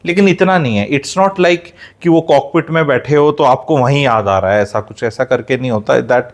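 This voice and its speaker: An Indian man talks through a film review in an easy, opinionated way, switching freely between Hindi and English. He explains flying technicalities like an instructor, often stopping to say "uh" before going on. His voice sits in an ordinary middle pitch. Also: normal speed. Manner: explains technical flying details with a teacher-like air. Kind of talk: casual film review commentary.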